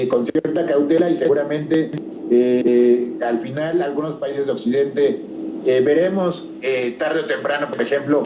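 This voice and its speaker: A man analysing the news in a radio interview, speaking with many hesitant filler sounds, heard over fading shortwave radio. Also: medium pitch. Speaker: political analyst guest. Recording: muffled, roomy, noisy shortwave broadcast.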